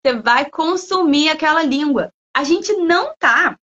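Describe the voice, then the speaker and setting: A woman from Brazil, a guest speaker who talks in a lively, playful way and acts out imagined students' lines. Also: high voice, unhurried, highs cut off. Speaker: guest speaker, language school head. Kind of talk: lively talk in a livestream.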